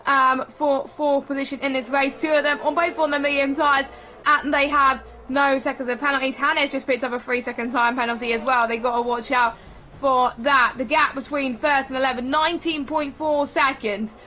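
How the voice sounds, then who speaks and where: A woman giving live sim racing commentary in an excitable way, with frequent exclamations. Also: high voice, normal speed, slight background noise. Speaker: esports race commentator.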